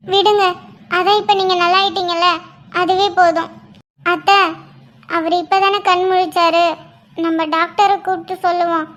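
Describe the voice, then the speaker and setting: A woman's voice: very high-pitched, fairly bright tone. A woman voicing a tearful young pregnant wife in a cartoon, pleading with her injured husband. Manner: pleading, emotional. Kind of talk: cartoon voice acting.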